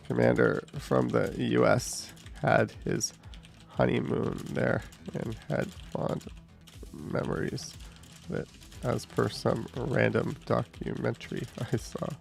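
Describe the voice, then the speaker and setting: A man's voice: mid-range voice, creaky. A man in his thirties casually reading out and answering viewer comments on a live stream, with dry asides.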